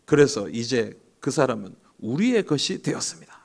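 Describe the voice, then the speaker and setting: Cunning demon underling, played by a preacher; slow, measured, sly delivery. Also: male voice, mid-range voice, sing-song, creaky, a little mellow.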